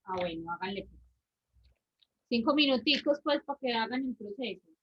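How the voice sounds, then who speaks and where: A woman's voice: fairly high pitch, lively intonation, normal speed, slightly rough. A woman drawing teacher with an Antioquian Colombian accent, explaining step by step in an online class and checking in often with her students. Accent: Colombian Spanish, Antioquia. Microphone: video call. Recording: muffled video-call audio.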